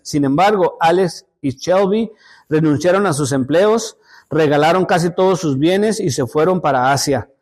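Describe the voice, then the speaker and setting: A man's voice: a little high, darkish tone. A man teaching a Sunday school lesson, telling stories and often repeating and restarting his words as he speaks to the brothers and sisters. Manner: storytelling, addresses listeners as brothers.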